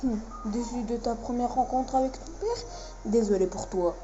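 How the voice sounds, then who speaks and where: A woman's voice: fairly high pitch, moderate pace, lo-fi sound, close to an everyday voice. A woman voicing a proud, cold alien prince warrior who talks down to others, over game music. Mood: scornful. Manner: haughty, dismissive, reading dialogue aloud.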